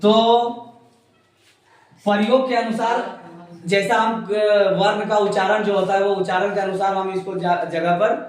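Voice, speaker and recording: A man's voice: high-pitched, steady tone, unhurried. A man teaching Urdu letters to a class, asking questions and repeating their answers back. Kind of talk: classroom lesson with call-and-response. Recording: echoey room, voice from a distance.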